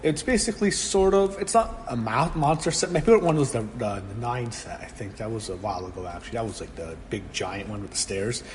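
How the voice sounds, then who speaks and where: A man giving a casual solo review of a wrestling show, rambling and excitable, swearing when annoyed. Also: medium pitch, brisk, few pauses. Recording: long room reverb with faint background noise.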